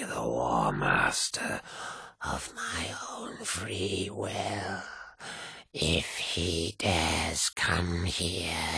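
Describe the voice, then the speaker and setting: Gargling, rasping heretic: very slow and half-whispered, with thick fry. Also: male voice, low-pitched, sharp tone, dry recording, heavily acted. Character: gargling wet-voiced male heretic chanting from afar.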